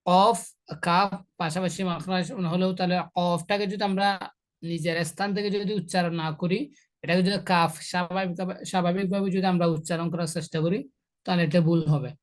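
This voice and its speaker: A man teaching the pronunciation of Arabic letters for Quran reading, patient and repetitive, pausing with hesitations and chanting example verses slowly. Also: sits high, fairly even intonation. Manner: patient, repeats phrases, hesitates with "ah". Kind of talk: explaining letter pronunciation in a class.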